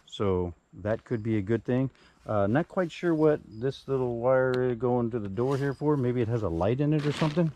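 A man's voice: mid-range voice, moderate pace, mellow, slight background noise. A man filming himself outdoors in a yard, going through items from a storage unit in a loose, rambling way with lots of fillers. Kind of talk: casual filmed walkthrough. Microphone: handheld camera, first-person view.

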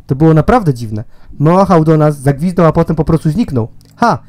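Mellow young man reading a game. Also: on the high side, lively intonation, brisk. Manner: reads dialogue aloud, laughs and swears between lines. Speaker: gamer reading a game aloud. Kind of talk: let's play reading with commentary.

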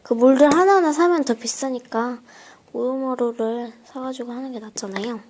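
A woman's voice: high voice, moderate pace, slight background noise. Chatty young woman making a craft tutorial. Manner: chatty, drops to soft whispers while working. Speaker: craft vlogger. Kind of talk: casual step-by-step craft tutorial.

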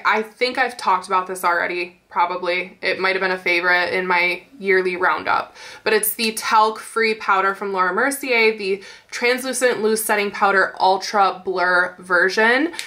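Nasal young woman chatting about makeup, kinda stuffed up, bright and gushy, says like a lot. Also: mid-range voice. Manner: gushing, lots of "like" fillers. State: stuffy nose. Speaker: beauty vlogger. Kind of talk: casual chatty product review.

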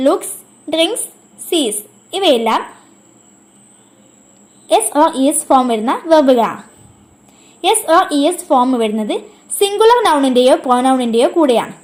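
A high-voiced woman delivers a scripted grammar lesson, explaining in measured steps and saying the English example sentences very slowly.

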